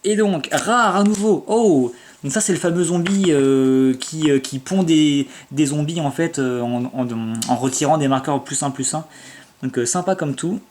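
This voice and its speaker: A man with a slightly high, somewhat mellow voice chats casually and enthusiastically as he opens card packs. His talk is full of fillers and restarts, and he reads the foreign card names out slowly.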